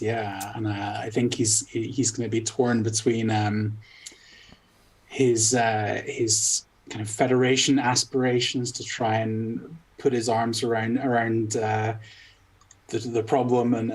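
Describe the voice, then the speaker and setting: A man playing in a tabletop game, talking hesitantly in casual chat with many pauses while he searches for words. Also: mid-range voice, low-quality recording. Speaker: player.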